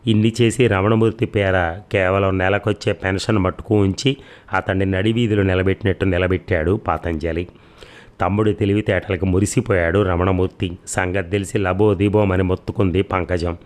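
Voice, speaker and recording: A man narrating a serialized audiobook story in a steady, measured reading. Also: low voice.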